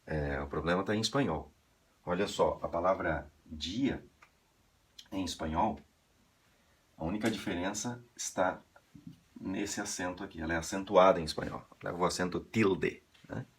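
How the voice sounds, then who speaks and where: A Brazilian man giving a casual pronunciation lesson, chatty and full of "né" and "tá", slowly sounding out syllables. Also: deep voice, breathy edge. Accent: Brazilian Portuguese. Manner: chatty, drawn-out slow demonstrations of syllables, frequent "né" and "tá". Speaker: Spanish pronunciation teacher.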